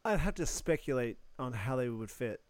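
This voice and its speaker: A man co-hosting a podcast, chatting casually with sardonic, dark, profane humor. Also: medium pitch, animated, normal speed, dry recording. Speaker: podcast co-host. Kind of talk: casual chat.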